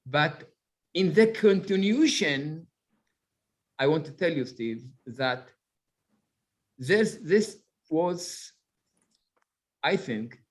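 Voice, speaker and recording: This middle-aged Ethiopian rabbi, also an author, relates his life story in an interview with an Ethiopian accent. His voice sits on the high side and sounds animated, though he speaks haltingly, leaning on fillers while he hunts for the right words.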